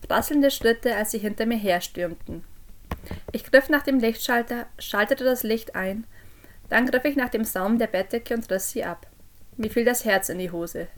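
A woman narrating a creepy first-person story for a podcast, dropping low and quiet on the eerie moments. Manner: drops low and quiet on eerie lines, raises voice for called-out quotes. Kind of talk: scripted horror story narration.

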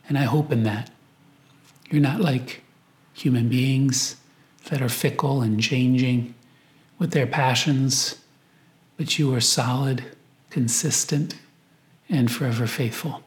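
Speaking like a priest, a man with a mid-pitched voice guides a meditation. He moves slowly and reflectively through prayer and scripture in a prayerful tone.

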